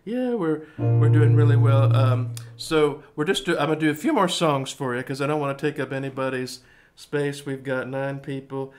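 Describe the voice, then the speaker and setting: This singer and pianist in his thirties performs on a live stream, then drifts into rambling, casual chat with viewers, laughing readily. His voice sits on the high side, a little mellow, at a moderate pace. He's indoors against a green-screen backdrop on a studio mic with a pop filter, with piano under his voice.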